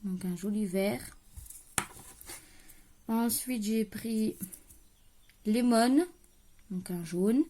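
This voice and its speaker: A woman's voice: medium pitch, very slow, long pauses, dark tone, slight background noise. A young woman chatting casually through a craft haul at home, thinking aloud as she unpacks and trailing off now and then, with a light regional accent. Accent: French-speaking, regional. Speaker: crafting vlogger showing a haul. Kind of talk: casual haul chat to camera. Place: at home, at a craft table, creaky chair.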